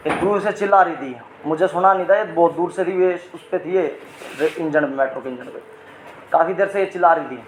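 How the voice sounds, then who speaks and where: A man's voice: on the high side, fairly quick, reverberant, background noise. A man, a metro passenger, insistently complaining and repeating his demand to check the recordings, in a heated argument. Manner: insistent, repeats himself, talks over others.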